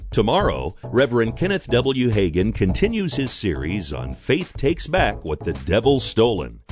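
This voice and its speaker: A male radio announcer giving a scripted show intro and an urgent call to order. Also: fairly low pitch. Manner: urgent promotional read.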